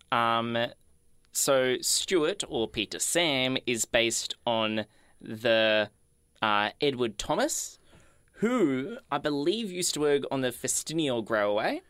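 A man's voice: medium pitch, expressive, slow, a bit bright, clean tone, no room sound. Man rambling through trivia, dry sound. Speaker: podcast co-host. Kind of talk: casual explanatory chat.

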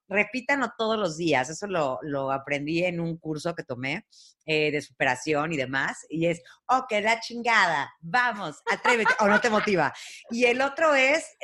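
A woman's voice: fairly low pitch, fairly bright tone. A woman with a Mexican accent hosting a podcast, telling stories in a chatty way with lots of fillers. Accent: Mexican Spanish. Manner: chatty, storytelling, many fillers. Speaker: podcast host. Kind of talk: casual chat.

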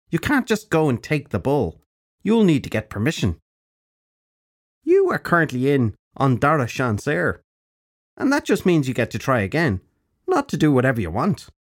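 A man reading an audiobook, voicing a cackling old crone who is blunt and wise, in brisk, matter-of-fact lectures. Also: mid-range voice, voice pushed up. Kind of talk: audiobook narration.

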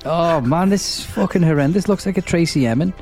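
A man's voice: a little high, brisk, darkish tone, soft background music. Blunt, sweary man on a podcast. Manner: swears freely, blunt reactions. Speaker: podcast co-host. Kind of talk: casual chat.

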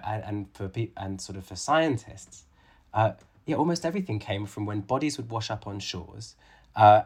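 A man in his late thirties, appearing as a guest biologist and author, speaks with a fairly low pitch and darkish tone. In the conversational interview he thinks aloud, restarting frequently and using many fillers.

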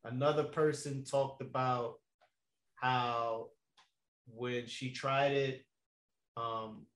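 A man's voice: mid-range voice, fairly even intonation, drawn-out words, a bit bright. A young man telling a long story in a casual chat, laid-back and slangy, with lots of fillers and laughs. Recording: echoey room.

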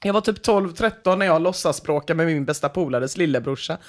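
A podcast host reading listeners' embarrassing stories aloud in a dramatic way, dropping to a hush and then rising again. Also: medium pitch, lively intonation. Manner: dramatic reading, swinging between loud and hushed.

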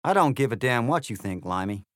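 A smug male hare from a satirical storybook, drawling with lazy charm that turns cold and menacing, as a man puts him on. The pitch rides up and down with lively swings, recorded close and dry. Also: a little fast, no room sound. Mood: brash. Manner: brash, turning icy and menacing.

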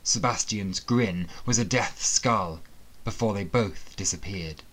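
A man with a fairly low voice reads a fantasy thriller audiobook in the first person. His delivery is steady and dramatic, built for storytelling. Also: unhurried. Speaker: audiobook narrator. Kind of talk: first-person scripted narration.

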